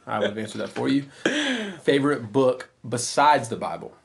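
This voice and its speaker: Male podcast host, casual church chat, easygoing, lots of ums and uhs, mid-pitched voice. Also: moderate pace, vocal fry, a little hiss or hum. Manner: relaxed, chatty, many fillers.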